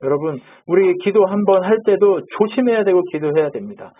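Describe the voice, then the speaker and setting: A man's voice: high voice, lively intonation, brisk. A man preaching a sermon as pastor, chatting with his congregation, asking them questions and acting out the quotes he tells. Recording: phone-like narrow band.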